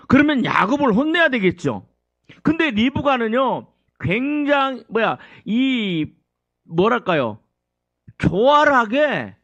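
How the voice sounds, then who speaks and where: A man's voice: very high voice, fairly bright tone, no echo, lo-fi sound. A male pastor preaching a sermon, full of rhetorical questions to his congregation.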